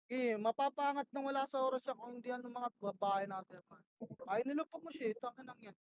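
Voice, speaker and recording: A woman's voice: a little high, fast, dull audio. A woman leading her team in a shooter match, barking short repeated commands and swearing when frustrated. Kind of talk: rapid in-game voice comms.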